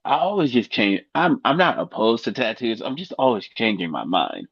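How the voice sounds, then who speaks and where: A man's voice: mid-range voice, very animated, moderate pace, vocal fry, a bit bright, breathy edge, no echo, muffled recording. A man co-hosting a casual podcast chat, rambling and joking, laughing at his own jokes. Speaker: co-host.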